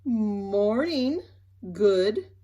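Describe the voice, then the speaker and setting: A woman's voice: a little high, slow pace, fairly bright tone, slightly rough, muffled recording, full character voice. Mister Topsy-Turvy, a woman doing a muddled cheerful little man.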